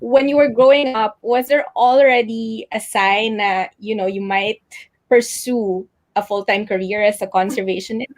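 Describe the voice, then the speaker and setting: A woman's voice: medium pitch, steady tone, moderate pace. A woman co-host who asks the guest long, friendly questions in a casual interview.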